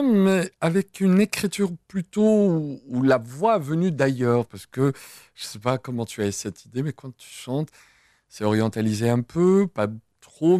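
A man conducts an interview, winding through long, chatty questions. His voice sits in a middle pitch, recorded dry and close to the mic. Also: darkish tone, no room sound. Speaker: radio interviewer.

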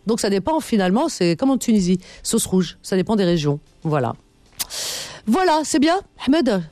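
A woman's voice: mid-range voice, very animated, moderate pace, dark tone, no echo, soft background music. A woman hosting a call-in radio show, chatting casually and teasing her caller with lots of fillers. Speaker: radio host.

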